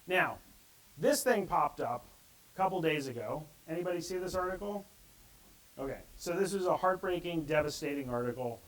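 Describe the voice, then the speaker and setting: A man's voice: fairly high pitch, animated, moderate pace, poor audio. A middle-aged man giving a conversational conference talk and acting out the quotes he reads. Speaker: conference speaker.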